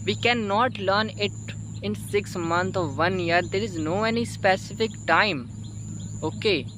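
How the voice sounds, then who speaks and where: A high-pitched man whose first language is Hindi, speaking with an Indian accent, hosts an English-learning video and is a learner himself. He offers viewers casual study advice in a halting, repetitive, emphatic way, pausing and repeating phrases and often tagging on "you know" and "okay." Outdoor background noise is clearly audible.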